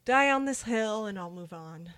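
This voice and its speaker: A young woman talks casually about a film as a podcast co-host. She is chatty and leans on "like" fillers. Her voice sits at an average pitch. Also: expressive, normal speed, a bit bright. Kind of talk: casual movie discussion.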